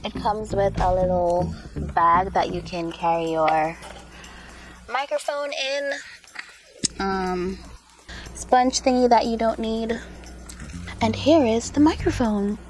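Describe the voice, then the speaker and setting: A woman's voice: mid-range voice, slow pace, pauses often, background noise. A woman vlogger talking casually at home while unboxing and testing a microphone, often asking viewers for feedback. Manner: chatty, filler-heavy, asks viewers for feedback. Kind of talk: casual unboxing and mic test. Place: indoor room with a fan. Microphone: camera mic and clip-on mic, changing distance.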